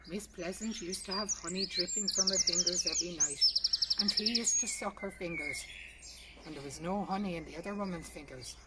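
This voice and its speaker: Speaking a little fast in a fairly low voice, a woman with an Irish accent tells a traditional folk tale in a plain, colloquial style. She was recorded from a distance, and the noisy recording carries birdsong and ambient sound behind her.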